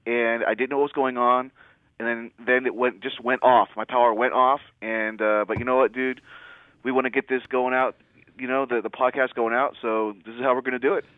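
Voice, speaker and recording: A man's voice: medium pitch, dry recording. A man co-hosting a casual podcast, calling in over an old landline phone. He talks in a rambling way and keeps circling back to his point. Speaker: co-host. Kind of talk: casual podcast chat about fights. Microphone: old rotary landline handset. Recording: tinny dry landline phone line.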